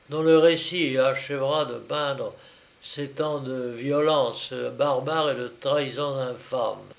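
A man narrating a historical novel in a measured, dramatic storytelling manner. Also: mid-range voice.

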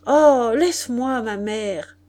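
A woman's voice: a little high, animated, measured pace, a little mellow, voice pushed up. A woman reading aloud, voicing a spoiled, capricious young noblewoman who complains in a raised voice. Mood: petulant.

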